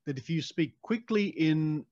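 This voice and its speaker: A man's voice: fairly high pitch, expressive, measured pace, a little mellow, no room sound. A man with an Australian accent hosting a podcast, chatting casually and animatedly, laughing easily. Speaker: podcast host. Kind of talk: casual interview chat. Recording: dry, slightly dull sound.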